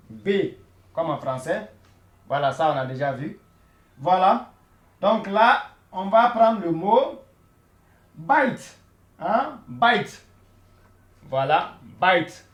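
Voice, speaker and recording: Slow, patient man teaching in an echoey room. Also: sits high. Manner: patient, repeats words many times, checks in with "hein?" and "voilà". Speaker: Arabic teacher. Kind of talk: beginner language lesson.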